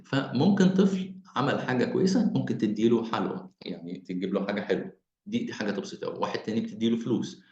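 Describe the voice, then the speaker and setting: Egyptian guy giving a parenting talk on a video call, quick and bouncy, repeats himself to drive points home, echoey dull sound. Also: mid-range voice. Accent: Egyptian Arabic. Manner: animated, explaining with repeated phrases. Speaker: parenting lecturer and counselor. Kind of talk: online lecture.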